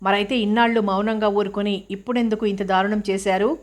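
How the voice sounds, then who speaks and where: A sharp, probing male prosecutor, read out by a woman narrator in a storybook reading. He presses his questions in an even, flat tone with a sarcastic edge. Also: medium pitch, a little fast, close to an everyday voice.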